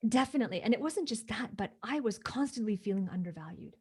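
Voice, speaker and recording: Quick-paced and animated, this woman's mid-range voice is a little mellow and husky. Originally from Hong Kong and not a native English speaker, she tells her story as an interview guest with emphasis, often checking "right?" for agreement.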